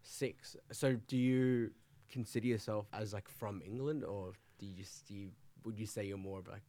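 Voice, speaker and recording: Male host, deeper voice, dry close mic, casual curious questions. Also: moderate pace, dark tone, no room sound. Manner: curious, rambling questions with restarts. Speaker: interview host. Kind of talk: casual interview.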